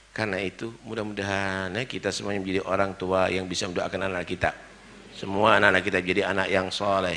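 A man preaching a dawn sermon in a low, gravelly voice with a sharp, forceful edge. He drives his points home with rhetorical questions and sudden loud exclamations, then slips into chanting Arabic verses.

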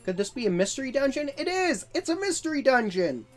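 A small, friendly female game creature, put on by a gamer reading aloud, pipes up high and excitable. The delivery is bright and exclamatory, swooping over faint game music. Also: fairly quick. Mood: amazed. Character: young, friendly, excitable little Pokemon companion, female.

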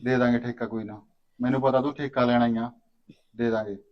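A placating farmer brother, played by a man smooths things over in an easygoing mid-pitched voice with a Punjabi accent. The recording sounds dull and lo-fi. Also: steady tone, a little fast, lightly acted. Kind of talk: village drama acting.

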